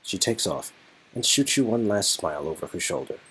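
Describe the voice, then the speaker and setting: This is a casual playthrough of a story game, with a man reading the narration in a deep, husky, somewhat bright voice that has a sing-song lilt at normal speed. He keeps it playful, hesitates a bit and repeats himself often, all on a low-quality recording.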